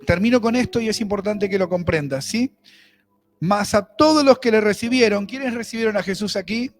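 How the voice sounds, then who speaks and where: High-voiced Argentine pastor preaching. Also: male voice, moderate pace, faint music behind. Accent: Rioplatense Spanish. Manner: conversational preaching, asks the congregation questions. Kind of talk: sermon.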